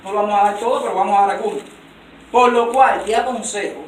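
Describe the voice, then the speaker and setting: A man's voice: sits high, quick pace. A man preaching a sermon, emphatic, often putting questions to his congregation and answering them himself. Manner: emphatic, asks the audience rhetorical questions. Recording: roomy, distant recording with faint noise.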